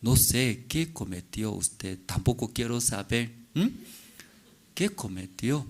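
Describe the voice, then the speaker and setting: Slow, lively male pastor preaching. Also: medium pitch. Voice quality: non-native halting phrasing. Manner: storytelling, rhetorical questions to the congregation. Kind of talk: sermon. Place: church.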